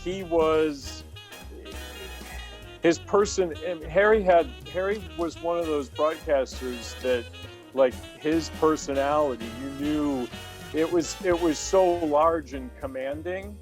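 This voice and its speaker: A man's voice: fairly high pitch, slow, darkish tone, soft background music. A man telling a casual anecdote, with many fillers as he goes. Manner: chatty, filler-heavy storytelling. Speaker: guest.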